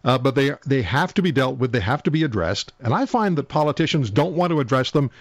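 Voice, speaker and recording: A man hosting a call-in radio show, moderating briskly between callers and guests. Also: medium pitch, expressive, no room sound, studio quality. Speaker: radio talk show host.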